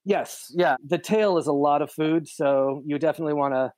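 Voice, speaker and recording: A man, a chef, calmly talking someone through a recipe in a casual chat. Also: on the high side, normal speed, dry recording. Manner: instructive, enthusiastic. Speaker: chef guest.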